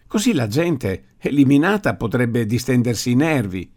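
A man voicing an anxious mother in an audiobook reading, talking in a hurried, placating way. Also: mid-range voice, very animated, a little mellow.

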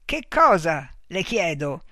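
A man's voice: fairly high pitch, big pitch swings, pushed and bright, dry recording, clean studio sound, exaggerated voice. A man doing an old French soldier. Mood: boisterous. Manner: slow, emphatic, wheedling confidential tone. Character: boisterous old male French army veteran.

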